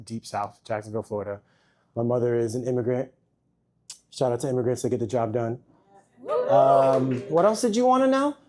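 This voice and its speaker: A young man from Los Angeles speaks as a panel guest with joking, self-deprecating asides. He tends to ramble a little, in a mid-pitched voice. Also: mellow. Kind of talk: live panel conversation.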